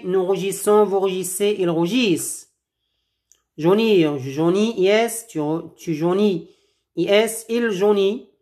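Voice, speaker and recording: Woman french teacher going slow, lowish voice, spells out endings and repeats everything for the class. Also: a little mellow. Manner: slow, deliberate, repeats each form aloud for the class to echo; occasional restarts and spelling aloud of letters.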